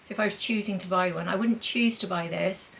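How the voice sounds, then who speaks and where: A woman's voice: medium pitch, brisk, creaky, a bit bright, slight background noise, low-quality recording. Chatty woman doing a makeup demo. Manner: chatty, thinking aloud while applying makeup. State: talking with a mint in her mouth. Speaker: beauty vlogger. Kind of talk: makeup demonstration vlog.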